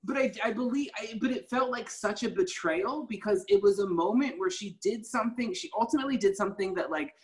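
A woman chatting casually about a TV series, animated and profane, stumbling over her words when excited. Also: medium pitch, fairly quick, few pauses, low-quality recording.

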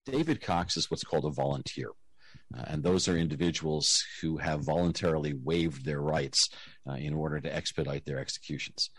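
A man giving measured, explanatory answers as an interview guest, heard through low-quality video call audio. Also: husky, no room sound. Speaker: interview guest, nonprofit director.

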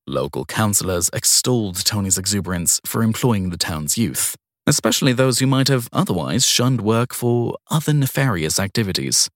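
A man with a low voice narrates first-person crime fiction in measured phrases, adding dramatic pauses while his intonation ranges widely. He sounds animated, and the recording is dry with no echo or room sound.

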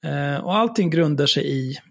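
A man's voice: a little high, lively intonation, vocal fry, a bit bright. A man co-hosting a podcast in casual chat, talking bluntly and sarcastically with some swearing. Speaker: podcast co-host.

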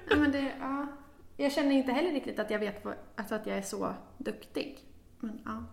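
Young woman co-host, hesitant and self-doubting, slightly high voice. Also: creaky, a little mellow. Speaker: podcast co-host. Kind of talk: casual chat.

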